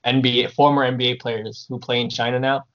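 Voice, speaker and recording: A man's voice: mid-range voice, little pitch movement, fast, a bit bright. A young American man hosting a casual podcast over a remote call, talking like a frat bro with lots of slang and swearing. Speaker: podcast host. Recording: dull lo-fi audio.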